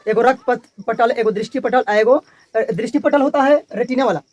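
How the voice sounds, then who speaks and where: A man's voice: extremely high pitch, fairly quick, a little mellow. Bihari-accented male teacher drilling terms. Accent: Bihari Hindi. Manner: repeats key terms and quizzes the class in call-and-response. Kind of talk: classroom physics lecture.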